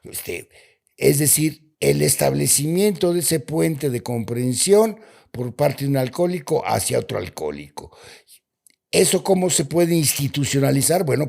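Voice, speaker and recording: Male guest, gravelly fry in the voice, earnest explainer. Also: medium pitch, a little mellow. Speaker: guest, AA member. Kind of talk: conversational discussion.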